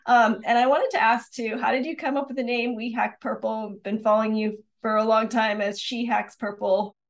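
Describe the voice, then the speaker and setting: A woman's voice: fairly high pitch, fairly even intonation, moderate pace. A woman hosting an interview show, chatting casually and praising her guest with enthusiasm. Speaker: podcast host.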